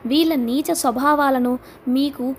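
A woman's voice: high voice, steady tone, unhurried, a little hiss or hum. A woman reading the part of a defiant man who scornfully harangues a crowd, in an audiobook. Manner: accusing, mocking, relentless.

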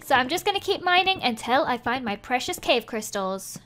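A woman's voice: sits high, big pitch swings, moderate pace, fairly bright tone. A woman hosting a gaming video with casual commentary, thinking aloud in a chirpy, exclamatory way into a close microphone.

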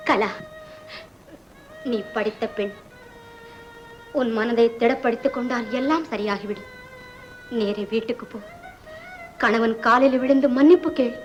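An actress playing a wise elder sister-in-law in a classic film, giving advice in a measured, formal way. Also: female voice, on the high side, highs cut off, faint music behind, lightly acted. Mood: admonishing. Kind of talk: 1950s Tamil film acting.

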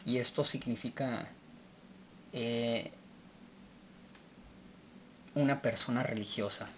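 A man teaching a language lesson, slowly spelling words out letter by letter. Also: medium pitch, fairly even intonation. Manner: slow and deliberate, spells letter by letter. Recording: dull lo-fi recording with faint hiss.

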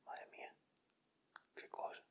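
Close-mic whispering in a Spanish accent: a man hosting an ASMR video murmurs brief, leisurely observations. It's casual talk as he works through sticker packs.

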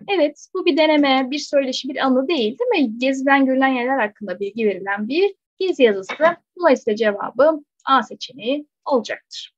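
High-voiced woman teacher solving exam questions. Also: dry recording. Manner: explains step by step, asks rhetorical checking questions. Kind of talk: exam question walkthrough lesson. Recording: slightly dull, dry close recording.

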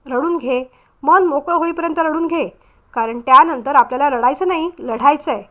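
Woman doing scheming young wife, coaxing, persuasive, audiobook drama, high-pitched. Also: normal speed, lightly acted. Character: scheming young sister-in-law, soothing outside.

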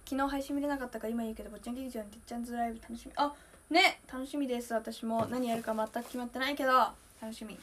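Young woman in her 20s, chatty livestream talk, high-ish lively voice, bit of room hiss behind her. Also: fast. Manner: chatty, emotional, drifting between loud and hushed. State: near tears at times. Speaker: idol streamer. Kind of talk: casual solo livestream chat.

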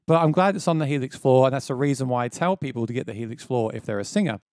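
Talking very fast in a slightly mellow voice he describes as quite low, a man in his thirties hosts a casual tutorial on music gear, explaining each step enthusiastically. He uses a dynamic mic on a boom close to his face in a small home studio, and there's no echo.

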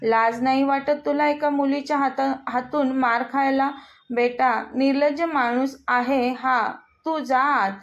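A woman's voice: sits high, steady tone, unhurried, dull audio. A woman reading the part of a protective, hot-tempered middle-aged schoolmaster father, with angry, indignant lines, in a storybook reading. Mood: furious.

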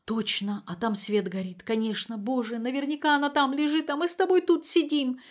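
A woman's voice: a little high, expressive, normal speed. A woman voicing a dramatic, panicky retired mother who speaks in pompous, exclamatory outbursts. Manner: exclamatory, theatrical and rising.

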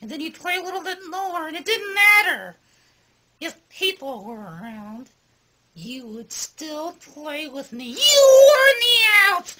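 A man voicing a cheeky boy ventriloquist dummy with a squeaky voice, taunting and insinuating in a comedy act. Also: very animated, a little slow, sharp tone, heavily acted, low-quality recording. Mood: indignant.

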